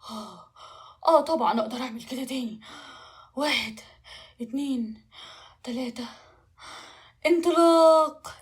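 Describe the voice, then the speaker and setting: A woman with an Egyptian Arabic accent voicing a proud, showy male dragon in a children's story, clearing his throat again and again. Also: a little high, fast, fairly bright tone. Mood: boastful. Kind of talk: storybook voice acting.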